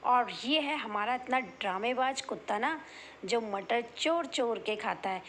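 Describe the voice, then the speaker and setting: A woman's voice: a little high, expressive, measured pace, echoey room, noisy background. A woman in her thirties chatting to her viewers in a casual daily vlog, heartfelt and direct. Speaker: vlogger.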